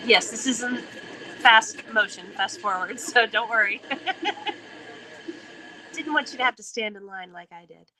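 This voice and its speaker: A woman's voice: on the high side, measured pace, long pauses, sharp tone, a little hiss or hum, rough recording. A woman hosting a live online game, chatty and upbeat, who laughs often as she announces the winners. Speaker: host.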